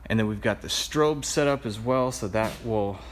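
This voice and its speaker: A man hosting a live stream, answering viewer questions in a low-key, easygoing way. He is tired and a bit out of breath. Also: normal speed, slight background noise. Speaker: car lighting shop host answering viewers. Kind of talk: live-stream Q&A while showing a build.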